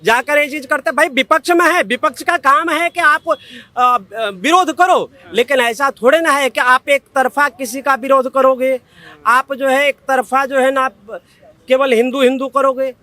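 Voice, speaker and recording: A man's voice: extremely high pitch, measured pace, bright, forceful tone. A man giving emphatic political opinions in a street interview, repeating points and issuing warnings.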